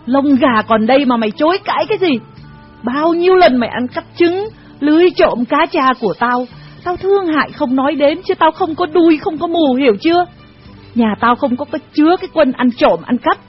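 A woman playing an older landlady who berates her tenants harshly, in a radio drama reading with a dull sound and soft music behind. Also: a little high, close to an everyday voice. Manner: berating, rough-tongued. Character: older landlady, shrill and scolding.

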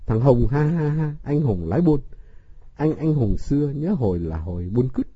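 A man's voice: medium pitch, very animated, brisk, breathy edge, lo-fi sound. A man doing a sneering schoolboy bully. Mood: jeering. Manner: jeering, swaggering insults.

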